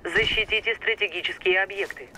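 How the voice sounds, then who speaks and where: A high, bright military announcer from a shooter game. He delivers clipped, commanding scripted updates over faint gunfire. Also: a little fast, a little hiss or hum. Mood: official, urgent. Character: military match announcer calling round results and orders.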